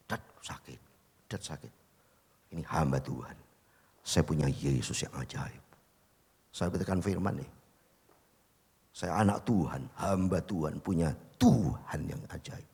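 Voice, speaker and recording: An older man preaching a sermon as pastor, emphatic, swinging from loud exclamations to low murmurs, in a church hall. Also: animated, measured pace, gravelly, pauses often, husky. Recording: long church-hall reverb.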